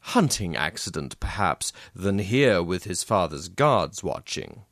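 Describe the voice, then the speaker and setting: A man voicing a scheming moneylender in an audiobook, impatient and dismissive. His deep voice rises and falls widely but moves slowly. It has a rough, gravelly edge. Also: sing-song, fairly bright tone, dry recording, clean studio sound, full character voice. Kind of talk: audiobook character reading.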